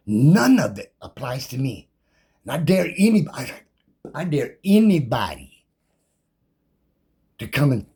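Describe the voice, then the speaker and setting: A man's voice: mid-range voice, a little mellow, slightly rough. A man delivering a combative, defiant monologue about his rights, slangy and profane, rattling off legal code numbers from memory. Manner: loose, repetitive, slangy and profane. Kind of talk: impassioned monologue rant.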